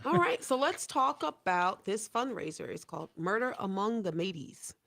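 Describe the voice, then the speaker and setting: A woman's voice: medium pitch, sing-song, normal speed, creaky, fairly bright tone. A woman hosting a radio talk show, chatting playfully and teasing her guests. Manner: playful, teasing, laughs often. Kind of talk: casual radio interview chat.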